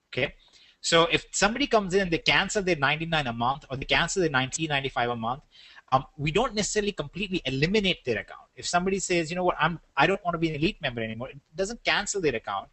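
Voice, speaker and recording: A man with an Indian accent co-hosts a business webinar, joking casually before plainly explaining the products. His voice is on the high side, bright and forceful, with no room sound.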